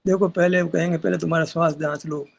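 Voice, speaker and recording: A man's voice: on the high side, steady tone, quick pace, gravelly, slight background noise. A man teaching at a meditation session, arguing his point with rhetorical questions and casual asides. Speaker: spiritual teacher. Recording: dull lo-fi recording.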